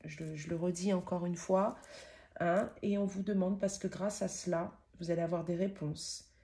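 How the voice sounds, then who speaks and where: At home with dogs nearby, a middle-aged tarot card reader gives a spiritual reading in a chatty, exclamatory way, peppering her speech with "hein" and exclaiming over the cards. Her lowish voice has vocal fry, a warm tone and fairly even intonation, and she sometimes speaks fast and stammers while channeling, her nose sniffly.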